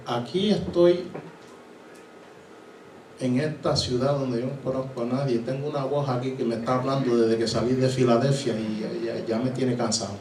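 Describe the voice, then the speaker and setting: A man with a mid-range voice and Puerto Rican Spanish accent, originally from Puerto Rico, preaches his testimony in a church hall. He acts out different voices and sometimes shifts into English. Recorded from a distance, the sound is echoey with a slight hiss or hum.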